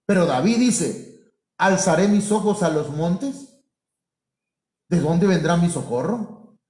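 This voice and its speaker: A man's voice: high voice, animated, slow pace, a little mellow, roomy sound. A man, a pastor, preaching a sermon full of rhetorical questions and acted-out quotes.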